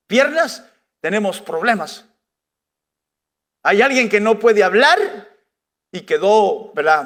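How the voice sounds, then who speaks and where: A man's voice: high-pitched, a bit bright. A male pastor preaching a conversational sermon, full of rhetorical questions. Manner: rhetorical questions with frequent "¿verdad?".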